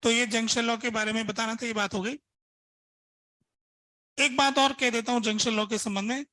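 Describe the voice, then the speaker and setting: A man's voice: very high voice, steady tone, moderate pace, sharp tone, no room sound, rough recording. A man teaching a physics lesson, working through examples step by step and asking his students rhetorical questions. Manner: casual, conversational teaching. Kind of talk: lesson at a board.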